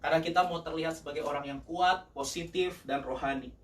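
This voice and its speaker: A male pastor preaching a lively sermon, mixing English phrases in and laughing often. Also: fairly high pitch, quick pace, far from the mic. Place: church service.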